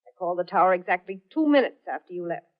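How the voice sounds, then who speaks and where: A woman's voice: on the low side, expressive, rapid-fire. An actress playing a hunted, desperate woman who narrates her own story in a 1940s radio drama, heard through an old AM radio broadcast. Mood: frightened. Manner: tense first-person storytelling. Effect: old AM radio broadcast sound. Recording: muffled 1940s AM radio broadcast with faint music.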